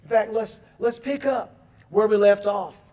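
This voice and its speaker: A man's voice: high voice, measured pace, dark tone. A man preaching a sermon, reading scripture aloud and breaking off for chatty asides to his congregation. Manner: addresses the congregation as folks.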